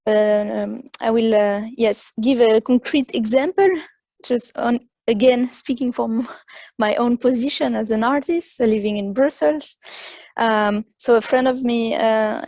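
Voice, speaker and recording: A woman artist speaking as a guest in an informal panel discussion, explaining things in a tentative, halting way. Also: on the high side, fairly even intonation, a little mellow, no echo.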